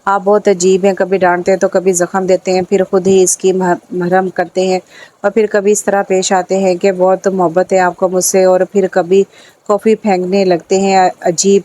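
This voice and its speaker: A woman's voice: mid-range voice, level tone, mellow, lightly acted. A woman reading as a stubborn young bride.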